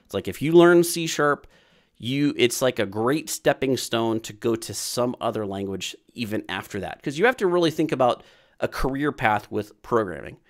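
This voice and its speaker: A man in his thirties hosts a casual programming Q&A livestream on webcam from a small room. His mid-range voice is animated at normal speed, and he rambles and repeats himself with lots of fillers.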